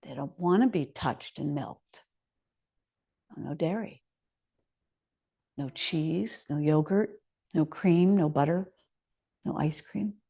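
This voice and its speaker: A chef is giving a public talk in the hall of a residential contemplative community, shaping it like a story and putting rhetorical questions to her audience. Her voice is low and gravelly, warm with a breathy edge, and she speaks slowly with long pauses.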